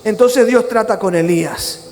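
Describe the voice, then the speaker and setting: A pastor preaching a sermon, swinging from impassioned near-shouting to low, quiet prayer. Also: male voice, moderate pace, slight background noise. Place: church. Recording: reverberant church hall with faint ambience.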